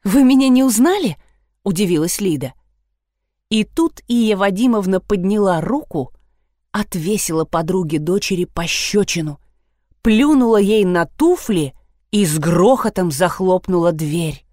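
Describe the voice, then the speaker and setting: A woman narrating a novel in a measured, expressive reading voice. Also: on the low side, no echo, clean studio sound. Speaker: audiobook narrator. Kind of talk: scripted narration.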